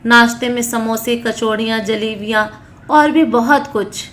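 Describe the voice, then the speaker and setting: A woman narrating a spoken moral story in a steady, expressive scripted reading. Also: on the high side, measured pace.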